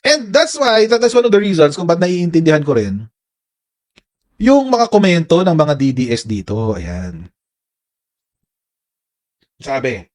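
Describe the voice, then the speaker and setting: A man with a Filipino accent, chatting casually on a live commentary stream. His voice sits high for a man, and his pitch jumps around a lot. He speaks in an animated, chatty way and keeps turning to his viewers. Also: unhurried, pauses often. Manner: animated, laughing, addresses viewers as "mga kababayan"; reads viewer comments aloud. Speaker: political commentary vlogger.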